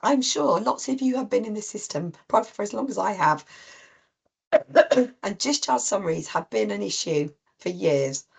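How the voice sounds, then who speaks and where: Woman, husky gravelly voice, cold and coughing, informal rambling talk, video call. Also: medium pitch, lively intonation, fairly quick, few pauses. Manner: rambling with frequent ums and restarts. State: coughing, voice strained. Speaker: clinical lead presenting to practice teams. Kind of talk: informal online drop-in talk.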